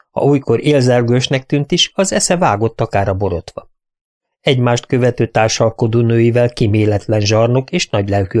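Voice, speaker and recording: Guy reading a novel aloud, calm steady pace, mid-pitched. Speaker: audiobook reader. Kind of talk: audiobook narration.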